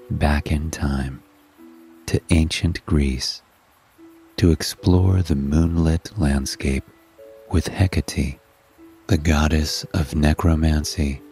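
A man narrating a sleep story as host, in a calm, hushed, soothing manner that lingers on words. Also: very deep voice. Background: music.

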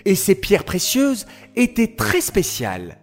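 Man doing patient explainer boy for a children's storybook, slow, unhurried delivery. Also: high voice, wildly swooping pitch, soft background music, exaggerated voice. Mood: patient, warm.

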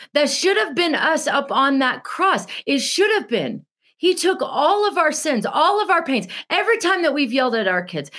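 Earnest, high-voiced woman preaching. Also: fairly bright tone. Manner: earnest and emotional, repeats key phrases for emphasis. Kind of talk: Good Friday devotional teaching.

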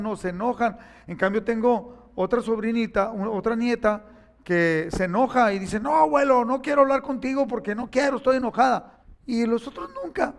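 Older man, Mexican accent, high-pitched, preacher, emphatic sermon, repeats his points. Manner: emphatic, repetitive, speaks directly to listeners.

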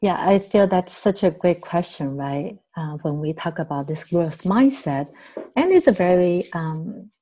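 In this podcast interview, a Taiwanese guest who is training as a therapist speaks at a measured pace with a low, dark, expressive voice. She's reflective and leans on fillers and "right?" tags, though the recording is of poor quality.

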